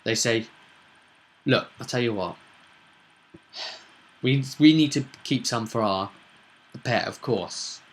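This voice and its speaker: Speaking in a mid-range voice, a game master casually recaps a tabletop roleplay session. His telling is halting and emphatic, punctuated by dramatic pauses.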